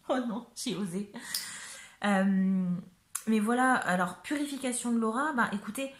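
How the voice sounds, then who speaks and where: A woman's voice: a little high, measured pace, echoey room. A woman giving a casual tarot card reading to camera in a chatty, hesitant way, with lots of fillers and frequent check-ins with her viewers.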